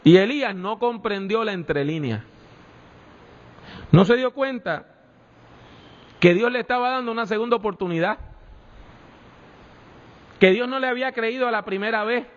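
A man preaching a sermon with slow, emphatic delivery and repeated refrains. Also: sits high. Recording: echoey hall, dull lo-fi sound.

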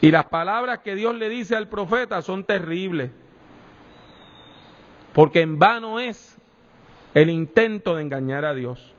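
A man preaching a sermon with slow, emphatic delivery and repeated refrains. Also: high voice, expressive. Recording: echoey hall, dull lo-fi sound.

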